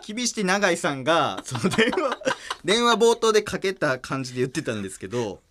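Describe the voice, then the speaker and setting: A man with a Kansai accent hosting a casual comedic radio chat, bantering and quick to laugh and retort. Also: fairly high pitch, very animated, fairly bright tone, a little hiss or hum. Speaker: radio show host. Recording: music playing behind the voice.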